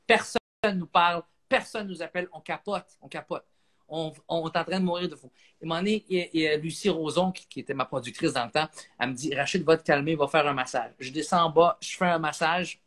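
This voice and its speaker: A man's voice: a little high, quick pace. A man with a Québécois French accent, a comedian telling a story on a live stream and acting out the people in it. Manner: animated, acts out voices.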